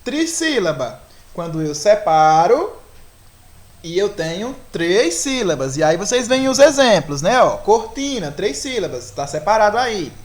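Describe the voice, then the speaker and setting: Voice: mid-range voice, big pitch swings, unhurried. A teacher with a Brazilian Portuguese accent, explaining a grammar lesson step by step and often asking the class whether they follow.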